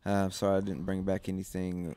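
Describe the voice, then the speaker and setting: Halting man in comedy banter. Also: low-pitched, monotone, dark tone, clean tone, dry recording. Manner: halting, full of fillers and chuckles. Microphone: handheld microphone with switch.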